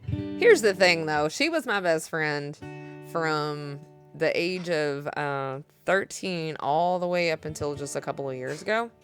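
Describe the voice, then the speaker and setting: Between songs, this livestreaming singer-guitarist from Kentucky talks frankly to her audience, breaking into frequent laughter while sharing stories. She speaks a little slowly in a low, expressive voice with a Kentucky accent, acoustic guitar playing behind her.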